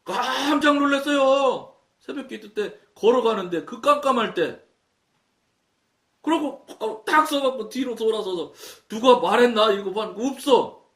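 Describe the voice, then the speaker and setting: Speaking at a measured pace in an extremely high, slightly bright voice, a male pastor from Chungcheong, Korea, delivers a sermon with a Chungcheong accent. He recounts his story and acts out the dialogue, captured by a far mic in an echoey room.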